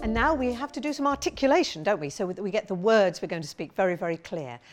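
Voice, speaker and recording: A woman voice coach leading a vocal warm-up, encouraging and demonstrating sounds with big slides and shouts. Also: mid-range voice, expressive, fast, faint music behind.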